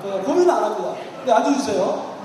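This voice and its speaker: A man's voice: high-pitched, animated, a little fast, crowd noise. A man giving an interactive church seminar lecture, questioning the audience and acting out anecdotes. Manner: questions the audience and calls on people by title; tells anecdotes, acting out quoted lines. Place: large echoing hall with an audience. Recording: echoey hall, voice from far off.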